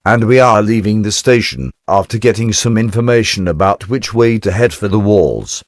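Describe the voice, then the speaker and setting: A man's voice: fairly low pitch, normal speed, dry recording. An older man, narrating his travel video in a chatty, wry, self-deprecating way.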